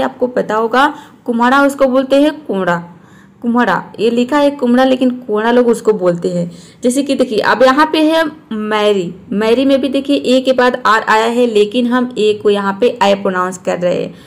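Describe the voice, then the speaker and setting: A woman teacher explaining words and repeating each one slowly. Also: a little high. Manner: slow, repeats each word to show how it is said. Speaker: English teacher. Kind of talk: explaining lesson.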